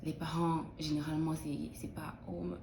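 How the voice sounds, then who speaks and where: Young woman from Benin, low mellow voice, hesitant interviewee, echoey room. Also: little pitch movement, normal speed, vocal fry, slight background noise. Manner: thoughtful, hesitant with many restarts. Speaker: interviewee, student in early childhood education. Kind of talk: casual interview answers.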